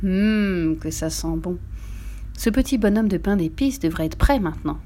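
A woman's voice: lowish voice, animated, normal speed, mellow, slight background noise, lightly acted. A woman voicing a kindly old grandmother who bakes and calls out after her runaway cake. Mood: fond. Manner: homely, calling out after the runaway. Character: fond old grandmother baker.

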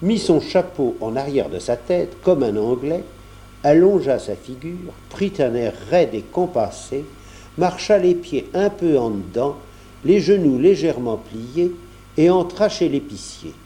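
A man reading a novel aloud as narrator, in a measured storytelling manner. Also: fairly high pitch, sing-song, dark tone, a little hiss or hum. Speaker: audiobook narrator. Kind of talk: scripted narration.

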